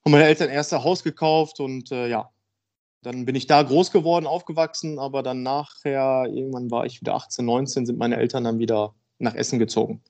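A man in his thirties from Germany, a football player talking frankly and a bit haltingly as a podcast guest. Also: mid-range voice, fairly even intonation, a little mellow. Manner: frank, rambling, hesitant. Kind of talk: casual podcast interview.

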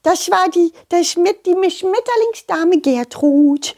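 A woman voicing an excitable, chatty male butterfly in a children's story who repeats his words in giddy bursts. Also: very high-pitched, slow pace, pitched above the performer's own voice, exaggerated voice. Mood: eager.

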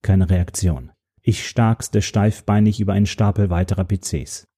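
A man reading a story in calm, measured first-person narration. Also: deep voice, slightly rough. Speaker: audiobook narrator.

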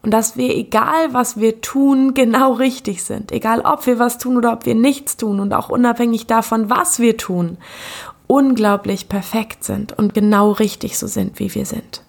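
A woman's voice: a little high, steady tone, moderate pace, gravelly. A woman coach speaking in an earnest, reflective monologue, often repeating words for emphasis. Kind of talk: reflective monologue on self-worth.

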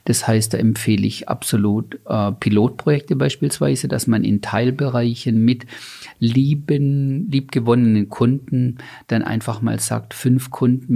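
A middle-aged man, a company founder, giving measured, deliberate interview answers that he sets out in lists. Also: medium pitch, creaky, warm tone. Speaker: company founder and guest expert.

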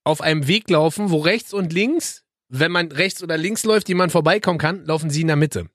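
Ein Mann plaudert als Co-Host eines Podcasts und regt sich über Alltagsärger auf. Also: male voice, fairly high pitch, brisk, fairly bright tone, no echo, studio quality. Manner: frequent "aha" backchannels, ranting complaints. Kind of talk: casual chat.

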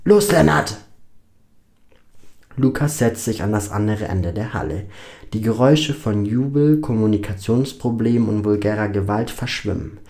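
A man narrating a dramatic story in a steady, measured reading. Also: lowish voice.

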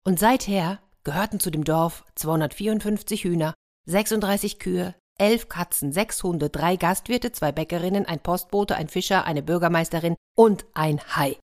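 Storyteller, woman, low-pitched voice, expressive children's story reading. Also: normal speed. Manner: lively, expressive storybook narration.

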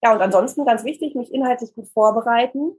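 A woman who works as a voice coach and news presenter, calmly explaining speaking exercises in an interview. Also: on the high side, quick pace, breathy edge, rough recording. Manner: calm, explanatory, demonstrates exercises.

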